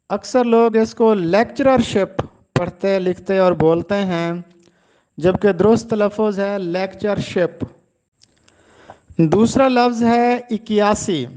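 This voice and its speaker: A man giving a lecture on pronunciation, deliberate and carefully enunciating each word. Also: high voice, a little mellow, clean tone. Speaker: Urdu literature lecturer.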